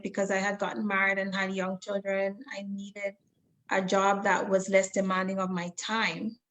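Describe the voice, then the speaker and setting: A woman's voice: mid-range voice, rough recording. A woman, from the Bahamas and Jamaica, speaking steadily and articulately as an interview guest. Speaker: guest graduate. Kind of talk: conversational interview.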